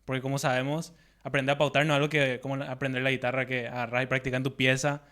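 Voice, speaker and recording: A man co-hosts a business podcast. His pitch stays quite flat as he chats and sets up questions in an even, conversational way. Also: fast talker. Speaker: podcast co-host. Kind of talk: podcast interview.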